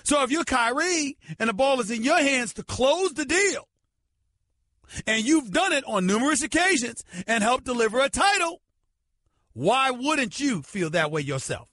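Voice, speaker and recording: A man's voice: extremely high pitch, very animated, normal speed, pushed and bright, no echo. A middle-aged man hosting a sports talk radio show, arguing his points with emphatic, preacherly repetition. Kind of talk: sports talk radio commentary and host-read ad.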